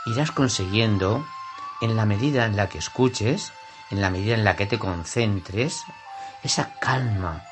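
Leading a guided yoga class, a male teacher with a Spanish accent speaks in a lowish voice at a very slow pace. He is soothing and deliberate, leaving gaps between his short phrases.

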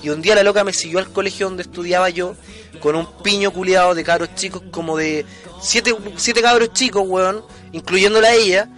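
A young man with a Chilean accent rattles through a story at a racing clip, his voice high and bright. He talks in thick street slang and acts out the voices in his anecdotes. Faint music sits underneath the chat. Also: brisk. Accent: Chilean Spanish. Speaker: podcast co-host.

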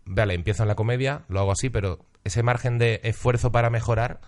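A man from Spain, a comedian hosting a podcast, chatting in a relaxed way and swearing freely. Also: mid-range voice, fast talker. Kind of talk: casual podcast chat.

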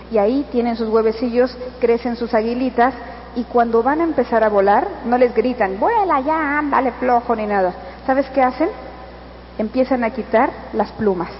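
A woman with a Mexican accent giving an earnest, coaxing motivational speech at a convention, addressing the listener directly. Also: a little high. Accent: Mexican Spanish. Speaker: motivational speaker. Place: convention hall. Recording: echoey hall, dull sound, faint noise.

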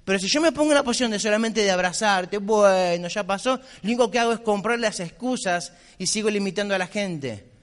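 A man's voice: high-pitched, fast talker, fairly bright tone. A middle-aged man with a Rioplatense Argentine accent giving an emphatic, insistent motivational business talk in a large convention hall. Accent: Rioplatense Argentine Spanish. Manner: emphatic, insistent, repeats points. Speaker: motivational speaker.

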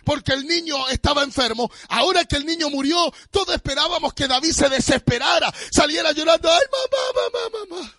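A pastor, preaching a sermon with impassioned, often shouted, sung-out phrases. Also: male voice, very high voice, a little fast, few pauses, no echo, clean studio sound. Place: church.

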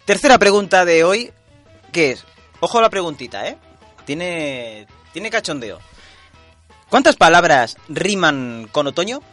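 A man's voice: on the high side, big pitch swings, unhurried, long pauses, fairly bright tone, soft background music. A man hosting an improvised comedy podcast, steering the segments and teasing his co-hosts playfully. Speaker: podcast host.

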